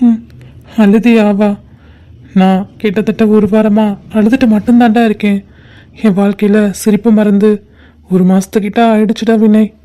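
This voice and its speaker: A woman's voice: medium pitch, level tone, moderate pace, warm tone, natural voice. A woman voicing a heartbroken young man in a cartoon, talking in a despairing, pleading way to his best friend. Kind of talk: cartoon voice acting.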